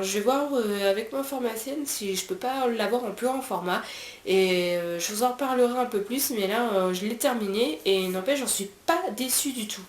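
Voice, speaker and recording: A woman's voice: mid-range voice, a little mellow. Chatty French woman in an echoey room. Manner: chatty, many fillers and restarts. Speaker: beauty vlogger. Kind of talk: casual product review. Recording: roomy echo, faint background hiss.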